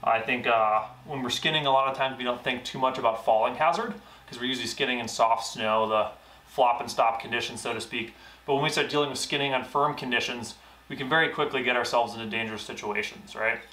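A man's voice: medium pitch, brisk, sharp tone. A man in his thirties, a mountain guide, casually explaining his gear with frequent fillers. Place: indoor garage gear room. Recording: echoey room.

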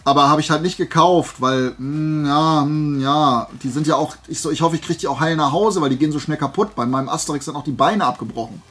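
A man hosts a flea market haul video, telling anecdotes in a casual, colloquial way and acting out snippets of dialogue, his throat dry and voice worn from days of talking. His slightly high, fairly bright, husky voice moves briskly with few pauses, over soft background music.

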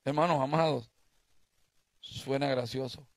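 A man's voice: medium pitch, fairly even intonation, unhurried, no room sound. A male pastor preaching a sermon, asking the congregation questions and telling them stories.

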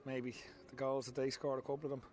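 Fast-talking Irish football manager. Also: male voice, mid-range voice, level tone, darkish tone, a little hiss or hum. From Ireland. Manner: frank, repeats himself, many restarts. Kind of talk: post-match interview. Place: outdoor football pitch at night. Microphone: handheld mic held close.

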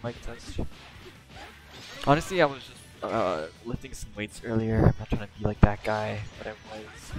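Gravelly-voiced man streaming a fighting game. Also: fairly low pitch, normal speed, over music. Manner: excitable, swears and laughs, gets hyped. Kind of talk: live gameplay commentary. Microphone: headset.

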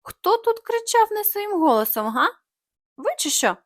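Дракончик, озвучений жінкою, тоненький і плаксивий. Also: female voice, very high voice, sing-song, a little slow, no room sound, studio quality, voice pushed up, heavily acted. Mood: childish. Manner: childish, plaintive. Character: little boy dragon, naive, hungry, tearful.

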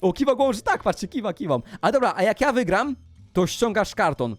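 Excitable high-pitched gaming vlogger. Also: male voice, a little fast, no room sound, faint music behind. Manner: shouty, exclamatory, jumps between hushed and yelling. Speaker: Minecraft YouTuber. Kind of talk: excitable gaming vlog narration.

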